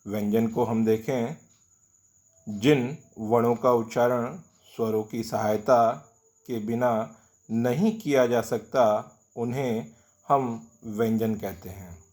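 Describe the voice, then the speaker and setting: Very slow-paced male Hindi teacher. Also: medium pitch, a little mellow. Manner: slow, deliberate, stretching out example sounds. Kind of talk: grammar lesson.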